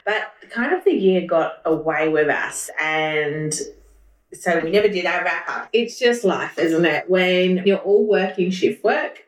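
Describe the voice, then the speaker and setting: A woman's voice: fairly low pitch, reverberant, distant mic. A woman hosting a casual podcast, chatting easily and laughing often. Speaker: podcast host. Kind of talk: casual chat.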